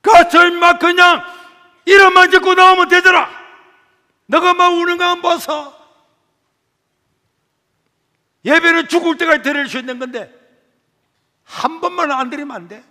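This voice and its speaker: A man with a Gyeongsang accent voicing an angry male high school teacher who curses and pleads. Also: fairly quick, few pauses, slightly rough, big-room sound, natural voice. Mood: angry pleading. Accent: Gyeongsang Korean. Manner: shouting, coarse and forceful.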